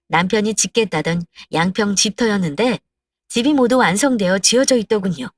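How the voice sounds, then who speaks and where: A woman narrating a first-person story with a calm, heartfelt delivery. Her voice sits at a middle pitch, set back from the microphone. The sound is dry, with no room echo. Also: far from the mic.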